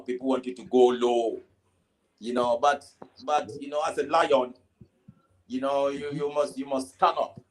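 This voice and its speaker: A Ghanaian reggae artist with a Ghanaian accent answers interview questions casually, often saying "you know" and stumbling over repeated words. His voice is medium-pitched, and the recording is rough.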